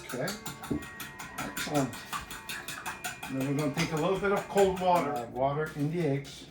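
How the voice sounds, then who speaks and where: A middle-aged man with an Austrian accent, a chef walking through a cooking demonstration in a relaxed, instructive way with many "uh" fillers. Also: on the high side, moderate pace, music in the background. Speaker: guest chef. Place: home kitchen. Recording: echoey kitchen from far off, faint hiss.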